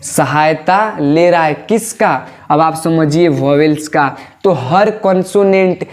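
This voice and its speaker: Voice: mid-range voice, takes it slowly. An English teacher giving an online lesson, who keeps asking questions, answers them, repeats key points and calls the viewers "babu". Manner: drills pronunciation aloud.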